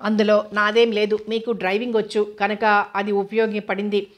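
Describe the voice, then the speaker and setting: A woman voicing a polite, smooth-talking scheming man, in a mid-pitched, even tone. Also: moderate pace, lightly acted. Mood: courteous.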